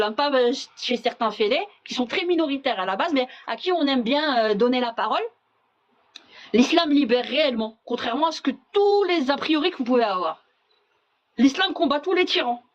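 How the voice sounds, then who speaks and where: Her pitch is high and the recording loses its top end. This livestream host keeps things casual, blunt and sarcastic, sprinkling Arabic phrases throughout.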